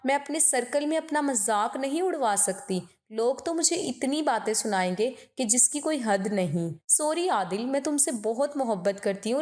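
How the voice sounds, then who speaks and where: A woman's voice: high voice, a little mellow. A woman reading the lines of an indignant young woman who scolds her fiancé in a storybook drama. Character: angry young woman breaking off engagement.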